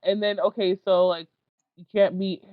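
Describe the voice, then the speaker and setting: A woman's voice: medium pitch, little pitch movement, moderate pace. A woman with a New York accent co-hosting a podcast, talking bluntly and profanely and laughing often. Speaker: podcast co-host. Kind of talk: casual chat. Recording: dull, dry lo-fi podcast audio.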